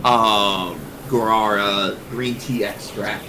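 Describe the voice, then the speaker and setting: A man's voice: lowish voice, fairly even intonation, slow pace, background noise, voice pushed down. A man voicing a jittery bird-man who never sleeps and swigs energy tonic, talking in stammering, overeager bursts. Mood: insistent.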